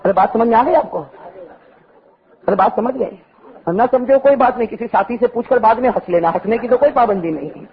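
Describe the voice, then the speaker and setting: A man preaching a sermon in a mosque, mixing chanted recitation with humorous stories and chatty asides to the congregation. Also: extremely high pitch. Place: mosque gathering. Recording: dull lo-fi recording.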